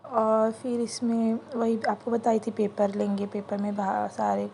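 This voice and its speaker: A young woman records a vlog on her phone at an indoor home puja and chattily explains each ritual step. Her voice is gravelly and mellow and stays quite flat. Faint noise sits under the recording. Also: medium pitch, unhurried. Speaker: vlogger. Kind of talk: casual vlog narration.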